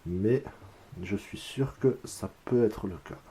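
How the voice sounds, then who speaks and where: A man from France calmly explaining a craft step by step, counting his braiding moves aloud as he works. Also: fairly low pitch, slow. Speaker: whip-making instructor.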